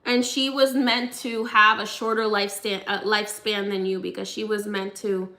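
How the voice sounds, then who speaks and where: A woman's voice: medium pitch, level tone, moderate pace, pushed and bright. A young woman working as a psychic medium, casually relaying messages from the dead with frequent laughter. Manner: laughing, relaying spirit messages in quoted voices. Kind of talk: live mediumship reading, casual.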